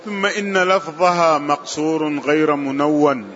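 A man reading passages of a classical text aloud in a lesson, in a steady, formal recitation. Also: a little high, measured pace. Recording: muffled lo-fi audio with faint hiss.

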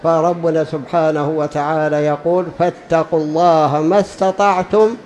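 A man's voice: fairly high pitch, little pitch movement, moderate pace, a little mellow, a little hiss or hum, low-quality recording. A man preaching a religious lesson to a gathering, emphatic and repeating key phrases for stress. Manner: drawls words out when demonstrating pronunciation.

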